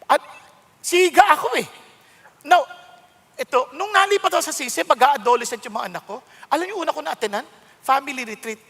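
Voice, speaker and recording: Filipino man in his sixties, preacher, very high bright voice, long reverb. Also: expressive, brisk, long pauses. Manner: mixes Tagalog and English, emphatic and conversational, sudden loud outbursts. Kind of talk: sermon.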